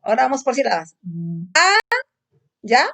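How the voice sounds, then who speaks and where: A woman with a somewhat high voice walks a young child through letter sounds at home. She speaks slowly and draws out each sound, coaxing the child to repeat after her with patient encouragement. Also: big pitch swings, creaky, bright, forceful tone. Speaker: teacher. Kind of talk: phonics lesson for young children.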